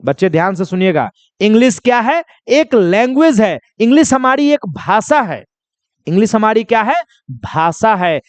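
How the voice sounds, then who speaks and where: A high-pitched man from India runs a simple lesson for children, asking a question and answering it himself again and again. His voice is smooth and crisp. The sound is dry, with no room echo. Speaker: English teacher.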